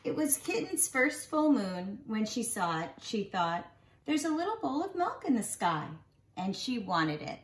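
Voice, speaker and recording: Slightly high in pitch, a nursery school teacher in her forties reads a bedtime picture book expressively, prolonging key words for small children. The recording, made indoors in a small living room, is roomy with a little hiss or hum.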